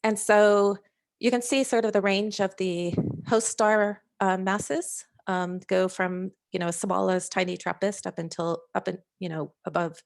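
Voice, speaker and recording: A woman scientist presenting slides over a video call, talking in a halting way with frequent fillers and restarts. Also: mid-range voice, level tone, creaky. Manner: hesitant, many fillers and restarts. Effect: heard over a video call. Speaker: scientist presenting a working-group overview.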